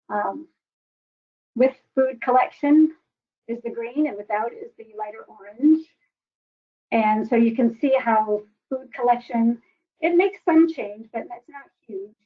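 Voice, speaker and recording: A woman giving a webinar presentation with data slides, often hesitating with ums and restarts, her voice warbly over a computer connection. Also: on the high side. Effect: warbly voice through a computer connection. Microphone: computer microphone. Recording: dull, lo-fi computer audio.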